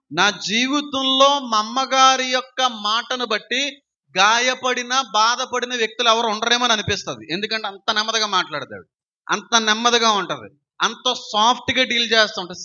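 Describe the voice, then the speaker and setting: High, forceful man preaching a sermon. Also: dull audio. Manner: preaching with repeated rhetorical questions. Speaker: pastor.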